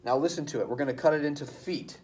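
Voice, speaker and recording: A male teacher recording a video lesson for his students, explaining verse slowly and stressing syllables aloud. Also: on the high side, background noise.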